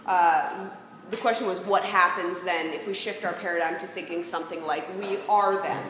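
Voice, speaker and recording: A woman with a fairly low voice speaks at a moderate pace, giving an informal, reflective talk on faith and peacemaking full of rhetorical questions. She's in a large, very echoey hall with faint background noise.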